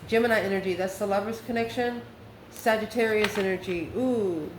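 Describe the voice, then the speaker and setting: At a normal pace and medium pitch, the tarot reader running this channel offers a relaxed reading, her delivery folksy and emphatic, her listeners called by affectionate names. Faint background noise sits under a roomy, echoing sound.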